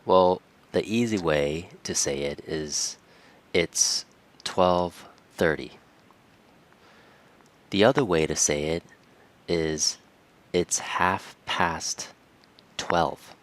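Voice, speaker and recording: A man teaching an English lesson, talking slowly and patiently and repeating the example phrases. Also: sits low. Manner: acts out short example dialogues. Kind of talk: explaining lesson to camera.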